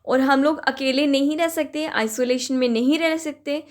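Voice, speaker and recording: A woman giving an exam-prep lecture. She reads each English line slowly, then explains it in Hindi and answers her own questions. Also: high voice, steady tone. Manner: asks questions and answers them herself. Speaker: teacher.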